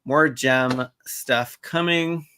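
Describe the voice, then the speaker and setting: A man's voice: mid-range voice, very slow, pushed and bright, a little hiss or hum. A man co-hosting a casual talk show, easygoing and reading out viewer comments. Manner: easygoing, reads out live chat comments. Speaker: podcast co-host. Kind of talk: casual chat.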